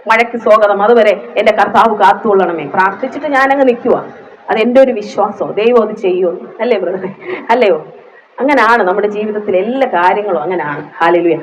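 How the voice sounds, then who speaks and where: A woman's voice: fairly high pitch, slight background noise, poor audio. A woman with a Malayali accent preaching a sermon, emotional and rising into fervent prayer, with frequent hallelujahs.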